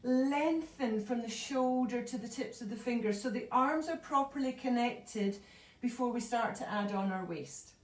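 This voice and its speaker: A woman leading a yoga class, calmly cueing breath and movement, a little out of breath. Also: a little high, normal speed. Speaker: yoga instructor. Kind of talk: live online yoga class instruction. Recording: echoey room, voice from far off.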